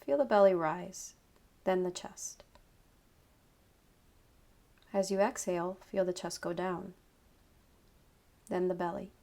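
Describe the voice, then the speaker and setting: A woman with a fairly low, gravelly voice leads a guided yoga nidra meditation. She delivers calm instructions slowly, in short phrases punctuated by pauses.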